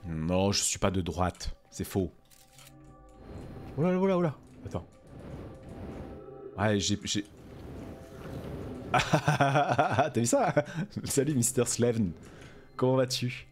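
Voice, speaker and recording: A man's voice: mid-range voice, lively intonation, takes it slowly, pauses often, faint music behind. A man streaming a video game, joking and exclaiming as he plays. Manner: playful, jokey, exclamatory. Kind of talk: let's play commentary.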